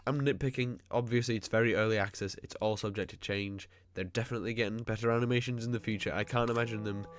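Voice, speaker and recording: Here a gaming video host speaks at a fairly low pitch and a steady tone, sounding blocked and nasal because of a cold. He chats casually about his game, picking at details and dropping quick asides.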